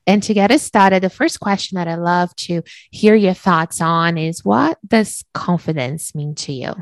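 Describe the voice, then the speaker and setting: A woman's voice: on the low side, unhurried, no echo. Chatty woman interviewer, dry sound. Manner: enthusiastic, chatty, many fillers like "like" and "right". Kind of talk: conversational interview.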